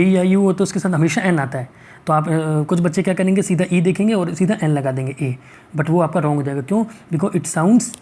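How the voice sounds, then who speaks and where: A male teacher going through exam questions, reading the English sentences out slowly and checking in often to ask whether it is clear. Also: high-pitched, a little mellow. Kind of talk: exam-prep lesson.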